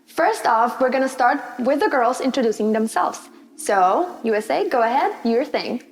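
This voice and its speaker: A woman's voice: a little high, animated, normal speed. Chatty young woman hosting a panel. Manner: friendly, chatty, loose and conversational. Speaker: host. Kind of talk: casual panel chat.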